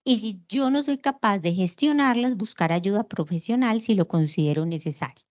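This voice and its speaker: A woman's voice: medium pitch, animated, moderate pace, a little mellow, highs cut off. Woman giving an online lecture. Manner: explanatory, asks rhetorical questions.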